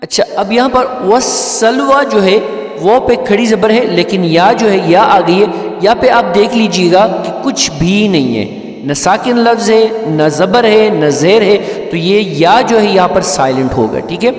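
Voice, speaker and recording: A man's voice: sits high, lively intonation. A man teaching Quran recitation step by step, patiently explaining each letter and often checking that his listeners follow. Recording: echoey room with long reverb, faint music.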